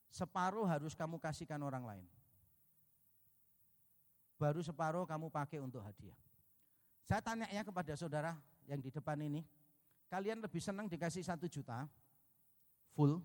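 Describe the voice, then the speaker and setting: Male pastor, sermon, high-pitched voice, lively storytelling with acted dialogue, long church reverb. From Indonesia. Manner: storytelling, acts out dialogue, jokes with congregation. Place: large church hall.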